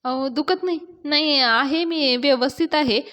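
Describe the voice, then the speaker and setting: A woman's voice: high voice, unhurried, a bit bright, voice pushed up. A woman voicing a young man who is injured but keeps insisting he is fine, in a protesting, reassuring way.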